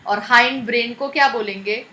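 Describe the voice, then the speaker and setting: A woman's voice: fairly high pitch, a little fast, heavy background noise. A woman teacher with an Indian accent, giving a live online biology class and spelling out terms letter by letter.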